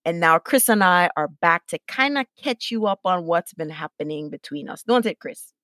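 A woman co-hosting a podcast, talking in a relaxed, smiling, conversational way. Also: fairly low pitch, moderate pace, no echo, studio quality. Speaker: podcast co-host. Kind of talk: casual podcast chat.

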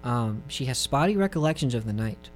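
A man's voice: mid-range voice, lively intonation, a little fast, a little hiss or hum. A man co-hosting a casual podcast chat, recounting case details in a laid-back way with many fillers. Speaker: podcast co-host.

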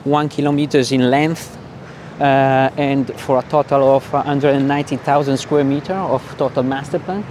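Italian-accented man, interviewee, hesitant halting phrasing, mid pitch, outdoor recording, faint traffic. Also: steady tone, darkish tone. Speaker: sustainability officer being interviewed. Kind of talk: spontaneous interview answers. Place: outdoors in a city, walking. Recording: outdoor street with traffic noise.

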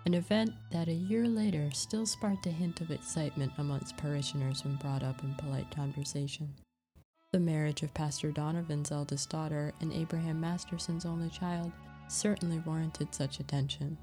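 A woman narrating a story in a measured, even reading, with faint music behind. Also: low voice.

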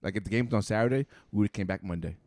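A man's voice: fairly low pitch, rapid-fire, darkish tone, no echo, studio quality. A man in his forties co-hosting a casual podcast, laid-back, laughing often and swearing casually. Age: 40s. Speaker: podcast co-host. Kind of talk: casual chat.

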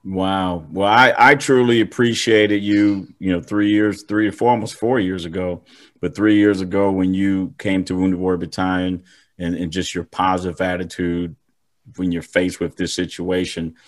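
A man's voice: sits low, level tone, normal speed. A man hosting a casual interview podcast, often repeating words and restarting his sentences. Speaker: podcast host.

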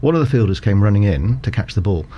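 A man with a fairly low voice talks in a measured, formal way, laying out the rules of the game point by point. Faint ambient noise sits under the recording. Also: expressive, muffled recording. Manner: measured, explanatory, formal phrasing. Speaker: cricket umpire guest. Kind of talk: conversational interview.

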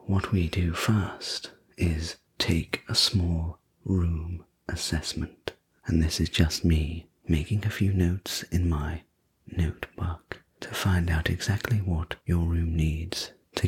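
A man speaks in a whispered role-play as a sleep story narrator. His voice is low and very breathy, with hardly any tone in it. He takes his time over each phrase, gently reassuring and soothing the listener as an attentive host. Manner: slow, gentle, reassuring delivery. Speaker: host playing a sleep room preparation attendant.

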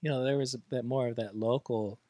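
A man co-hosting a podcast in casual, reminiscing chat, halting and repeating his words. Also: mid-range voice, steady tone, mellow, dry recording, studio quality. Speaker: podcast co-host.

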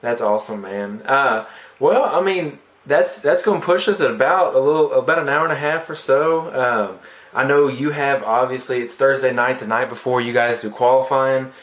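A man's voice: medium pitch, moderate pace, a bit bright. A man hosting a podcast interview, easygoing and encouraging, often restarting his sentences and saying "man.". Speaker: podcast host. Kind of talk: casual interview chat.

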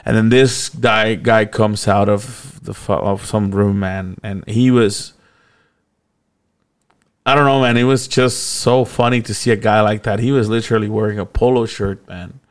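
A man's voice: on the low side, steady tone, unhurried. A young man casually telling a long personal story, rambling and laughing often.

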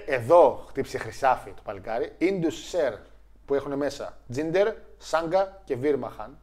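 A young man co-hosting a casual chat, animated and joking, who laughs often and mimics other people. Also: medium pitch. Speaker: co-host.

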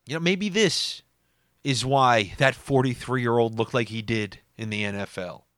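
A man hosting a solo podcast, telling wry stories with sarcastic asides and sudden rises in pitch. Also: measured pace, a bit bright, dry recording. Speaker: podcast host. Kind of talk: casual solo podcast monologue.

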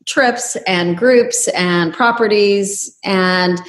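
A woman's voice: mid-range voice, drawn-out words. A woman in her fifties talking casually as an interview guest, chatty and anecdotal. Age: 50s. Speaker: interview guest, travel agency owner. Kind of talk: casual conversational interview talk.

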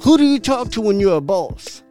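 Speaking at a normal speed in a high-pitched voice, this man hosts a podcast and preaches motivation with plenty of swearing and emphasis. He repeats himself, stays animated, and laughs often while faint music plays behind him.

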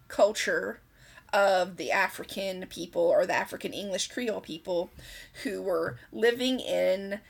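A woman's voice: medium pitch, measured pace, creaky, husky. A woman hosting a podcast, talking casually as she explains things. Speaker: podcast host.

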